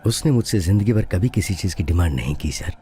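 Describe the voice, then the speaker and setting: A man's voice: low voice, lively intonation, fairly quick, dark tone. An actor dubbing an aging, honest policeman and bitter widower, mournful and deferential, his voice breaking with tears. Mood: grieving. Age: older. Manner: mournful, deferential, repeats "sir". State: tearful, voice breaking. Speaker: suspended police officer. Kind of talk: dubbed film dialogue.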